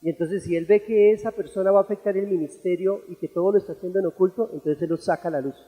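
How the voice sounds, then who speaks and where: High-voiced Colombian pastor preaching. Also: male voice, steady tone, fast. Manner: earnest teaching, rising to loud fervent passages. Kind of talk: sermon. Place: church auditorium. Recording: echoey church hall.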